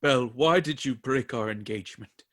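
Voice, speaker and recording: An actor playing Ebenezer Scrooge in a radio play, an older miser looking back on his past in a wistful, excitable, pleading way. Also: mid-range voice, moderate pace, natural voice.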